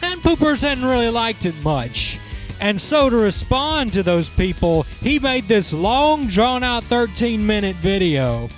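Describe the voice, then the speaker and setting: A young man hosting a sarcastic commentary on a video, mocking and quick with asides. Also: high voice, big pitch swings, faint music behind. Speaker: commentary host.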